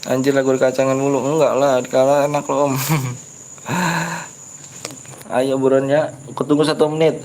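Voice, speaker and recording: A man's voice: medium pitch, level tone, moderate pace, long pauses, a little mellow, slight background noise. A man with a Betawi Jakarta accent hosting a casual live game stream, chatting with viewers, reading their comments and lecturing rude ones on politeness.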